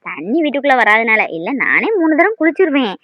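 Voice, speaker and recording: A woman voicing a bossy young mother in a cartoon who scolds and threatens in loud bursts. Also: fairly high pitch, sing-song, fairly quick, dry recording, highs cut off. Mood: chatty.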